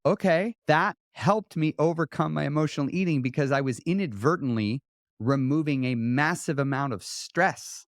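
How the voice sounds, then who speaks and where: A man's voice: mid-range voice, no room sound, studio quality. A man, a weight loss coach, telling his story as a podcast guest, acting out quoted dialogue, with frequent restarts. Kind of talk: conversational interview storytelling.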